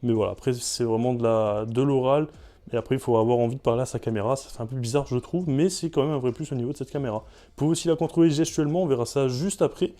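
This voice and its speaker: A man's voice: medium pitch, quick pace, mellow. A man presenting a product review vlog in a chatty way, with frequent fillers. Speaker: tech reviewer.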